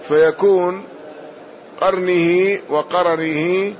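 A man teaching a hadith lesson, explaining each point in a measured way and often pausing on "na'am". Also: high-pitched, steady tone. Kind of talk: slow explanatory lesson commentary. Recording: dull lo-fi recording.

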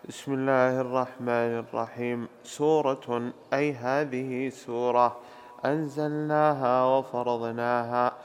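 Slow, clear-voiced man reading scripture commentary. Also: medium pitch, fairly even intonation, big-room sound. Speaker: student reading a text aloud to the teacher. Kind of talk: formal reading of a classical commentary.

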